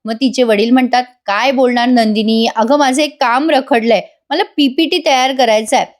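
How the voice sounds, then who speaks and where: A woman's voice: a little high, moderate pace. Chatty woman recapping a serial. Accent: Marathi. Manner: retells scenes, voicing each character's lines; chatty asides to the audience. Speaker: TV serial reviewer. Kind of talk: voice-over episode recap.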